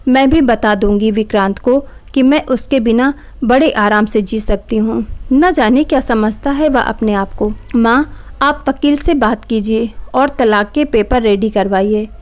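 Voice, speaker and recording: Lady reading as a stubborn angry young wife, sharp and defiant, bit high. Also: unhurried, close to an everyday voice.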